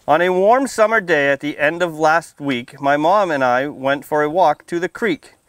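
At a storytime held under a canopy on a library lawn, a firefighter and fire prevention educator in his thirties reads to young children and chats with them, friendly and plain-spoken, through a face mask. His voice is fairly high, at a normal speed, with no echo.

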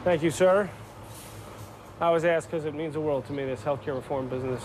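A man's voice: on the high side, brisk, noisy background. A man in his thirties canvassing for votes, upbeat and persuasive, talking with people around a city building. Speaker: political canvasser. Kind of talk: door-to-door campaigning.

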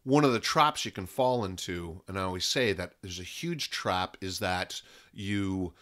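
A man from Canada, a film and content producer talking as a podcast guest in a lively way, often restarting sentences and piling up examples. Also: deep voice, measured pace. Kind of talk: casual interview talk.

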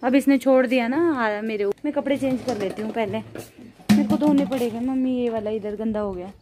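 A woman with a Himachali accent, chatting casually in a home vlog with lively, teasing banter. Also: on the high side, fairly quick. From Himachal Pradesh. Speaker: vlogger. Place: family home kitchen. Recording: echoey room, faint background noise.

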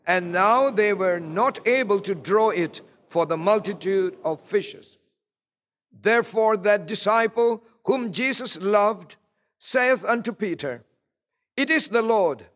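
A man with a high voice reads scripture at a pulpit microphone. Each phrase comes slowly and deliberately, in a reverent tone. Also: a bit bright. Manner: slow, deliberate, reverent reading. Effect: speaking at a pulpit microphone. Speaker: scripture reader. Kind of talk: formal scripture reading.

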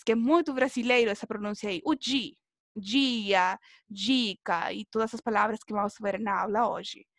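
Brief: woman language teacher, high voice, encouraging, dry close mic. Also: a bit bright, no echo. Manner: encouraging, drills pronunciation with students. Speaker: Portuguese teacher. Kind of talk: online language class.

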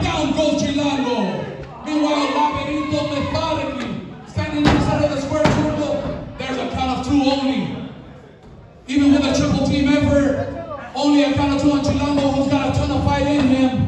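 A male lucha libre announcer delivers emphatic, excited play-by-play in a very high voice. His pitch stays fairly even as he stretches out the big calls. The sound comes from far off in a very echoey hall, over a crowd. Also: noisy background. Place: large indoor wrestling hall with audience.

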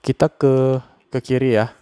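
A man's voice: mid-range voice, flat delivery, a little slow, dark tone, smooth, dry recording. A man giving live commentary while playing a game, reacting with frequent panicked exclamations. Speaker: gameplay commentator. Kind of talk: live let's-play commentary.

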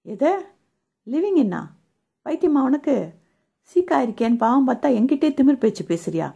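A woman's voice: fairly high pitch, lively intonation, vocal fry, mellow, breathy edge, lo-fi sound, full character voice. A woman voicing a caring but hot-tempered young man in an audio novel, scolding and firm. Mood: angry. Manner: scolding, quick to anger.

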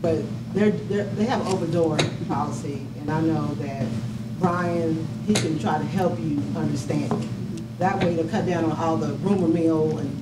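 Chatty woman on the board, deep voice, far off in an echoey noisy room. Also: normal speed. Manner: chatty, folksy. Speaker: school board member. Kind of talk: casual remarks at a board meeting.

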